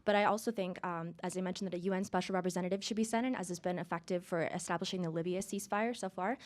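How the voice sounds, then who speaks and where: A woman's voice: fairly low pitch, steady tone, rapid-fire. A young adult woman competing as a student, answering a judge's question in a formal way.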